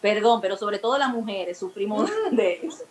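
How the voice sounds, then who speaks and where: A woman's voice: mid-range voice, moderate pace, over a noisy crowd, low-quality recording. A woman giving talk-show advice on communication in a teaching manner, acting out everyday examples. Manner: didactic, explains with acted everyday examples. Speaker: guest expert on emotional communication.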